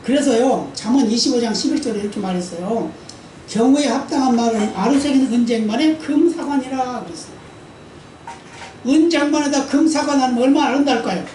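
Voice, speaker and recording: A woman's voice: sits high, animated, a little fast, warm tone, distant mic, a little hiss or hum. A woman pastor giving a conversational sermon. She often asks the congregation for an amen and acts out the quoted speech in her stories. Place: church sanctuary during service. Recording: roomy church hall, voice from afar.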